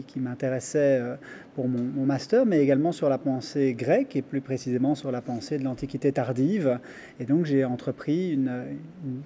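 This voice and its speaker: A man's voice: mid-range voice, dark tone, slight background noise. A man in his thirties from Brussels, Belgium, with a Belgian French accent, carefully explaining his research as a guest in an academic interview. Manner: careful, measured explaining with frequent pauses and restarts.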